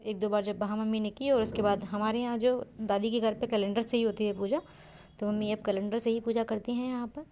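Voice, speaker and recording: Soft-spoken young woman vlogger. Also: medium pitch, fairly even intonation, a little fast, a little hiss or hum. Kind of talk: vlog voice-over narration.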